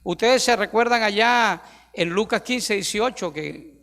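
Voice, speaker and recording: A man's voice: high voice, measured pace, creaky, pushed and bright. A middle-aged man preaching a sermon in a church, emphatic and full of rhetorical questions to the congregation. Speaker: pastor. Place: church sanctuary. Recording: long hall reverb.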